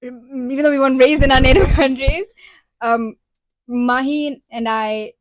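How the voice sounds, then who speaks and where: A woman's voice: high voice, steady tone, normal speed, no echo. A woman in her twenties from Dubai, co-hosting a casual podcast and explaining things at length in an earnest, talkative way. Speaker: podcast co-host.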